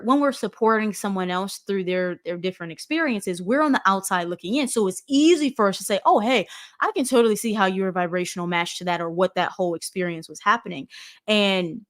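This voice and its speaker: A woman host speaking earnestly in a middle-pitched voice. She rambles and restarts her sentences as she teaches spiritual self-help, and now and then breaks into animated bursts.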